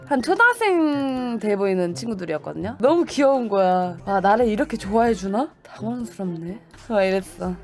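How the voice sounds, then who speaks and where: A young woman streamer telling stories to her viewers in casual chat, animated, laughing often and acting out other people's voices. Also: mid-range voice.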